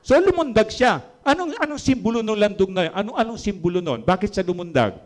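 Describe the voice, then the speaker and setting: A male pastor preaches with a fairly high voice. He drops into hushed, low storytelling, then climbs into loud, high-pitched emphasis to drive his points home. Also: expressive, quick pace. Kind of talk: sermon.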